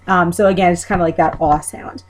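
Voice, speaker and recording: Low-voiced woman with a Long Island accent. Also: steady tone, brisk, faint music behind, low-quality recording. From Long Island, New York, USA. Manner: informal, hesitant, thinking aloud. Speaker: video maker explaining her accent. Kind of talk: casual rambling explainer to camera.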